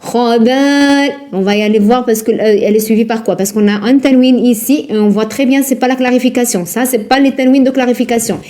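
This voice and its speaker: A woman teaching Quran recitation rules in a live lesson, patient and repetitive, drilling words slowly and asking her students questions. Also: fairly high pitch, steady tone, warm tone. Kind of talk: live online tajwid lesson.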